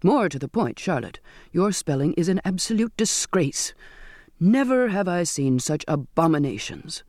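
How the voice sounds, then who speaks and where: A man's voice: a little high, very animated, moderate pace, darkish tone, no room sound, studio quality. A man voicing a stern Victorian father. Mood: contemptuous scolding. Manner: cold, commanding, formal. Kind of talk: audiobook character voice.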